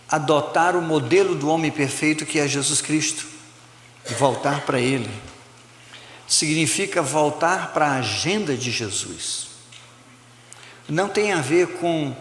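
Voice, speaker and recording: A middle-aged man preaches in a relaxed, chatty way, often checking in with his listeners. His voice sits at an ordinary pitch and rings through a big, reverberant church hall with faint background noise. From São Luís, Maranhão, Brazil. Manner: relaxed, conversational preaching with frequent "né?". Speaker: pastor. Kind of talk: sermon. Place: church auditorium.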